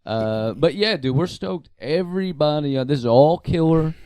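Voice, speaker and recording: A man's voice: fairly high pitch, expressive, moderate pace, mellow, clear, resonant tone, no echo. An American man co-hosting a comedy podcast, laid-back and crude, saying dude a lot. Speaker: podcast co-host. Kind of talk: casual podcast banter.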